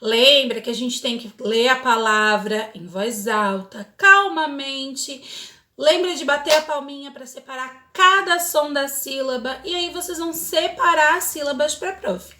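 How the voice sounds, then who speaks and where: A Brazilian woman teacher with a Brazilian Portuguese accent, patiently explaining a recorded class lesson for children and reading the exercises aloud slowly. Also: high-pitched, bright, forceful tone. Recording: echoey room.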